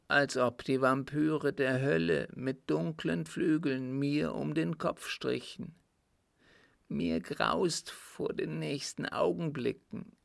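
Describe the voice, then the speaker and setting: A man reading aloud, voicing a dying old father who haltingly confesses a murder to his son. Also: on the high side, creaky, a bit bright, no room sound, studio quality, pitched above the performer's own voice, full character voice. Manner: halting, heavy, pleading.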